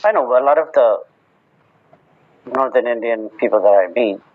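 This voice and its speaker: A man's voice: medium pitch, normal speed, a little hiss or hum. A man joining a casual group discussion in an audio chat room, asking questions hesitantly with many fillers. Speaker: participant. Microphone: phone in an audio chat app. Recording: muffled audio-room recording.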